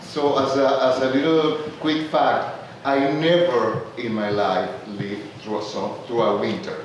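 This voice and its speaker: This is a casual meeting introduction by a soft-spoken man from Venezuela who works in tourism marketing. His mid-range voice stays steady and unhurried, hesitant and peppered with "uh" until he warms up and starts laughing enthusiastically. The mic picks him up from far off in an echoey community meeting room, with noise in the background.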